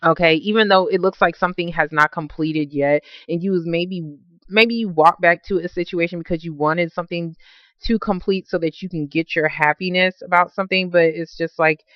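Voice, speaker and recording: A woman talks through a tarot card reading in a loose, blunt way, swearing freely and correcting herself mid-sentence. Her voice is smooth and clear. The recording is dull and lo-fi, with a dry, close sound. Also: on the low side, steady tone, a little fast, no room sound. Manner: casual and blunt, swears, many fillers and self-corrections. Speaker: tarot reader.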